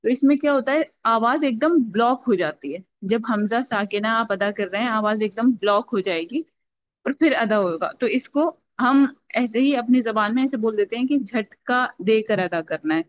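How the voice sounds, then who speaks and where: Patient woman teaching recitation. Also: on the high side. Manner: patient, explains step by step, drawn-out demonstration sounds; checks in often with a repeated "okay". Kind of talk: online tajweed lesson.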